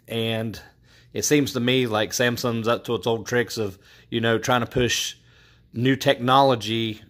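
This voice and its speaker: A man with an ordinary mid-range voice rambles through a casual home tech vlog. He sounds frustrated and keeps restarting his sentences, with plenty of fillers along the way. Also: medium pitch. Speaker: TV tech YouTuber.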